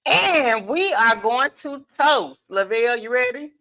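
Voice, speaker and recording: A woman with a slightly high, sharp-toned, animated voice hosts a live podcast panel event at an unhurried pace. As guest moderator and host, she's casual, playful and commanding, bantering unscripted and repeating phrases for emphasis.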